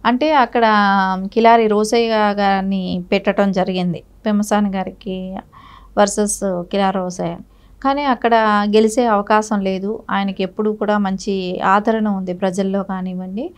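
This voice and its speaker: A middle-aged woman, a political party spokesperson appearing as an interview guest in an indoor TV news studio, delivers critical, argumentative commentary full of rhetorical questions. Her mid-range voice is slightly mellow, with fairly even intonation at normal speed.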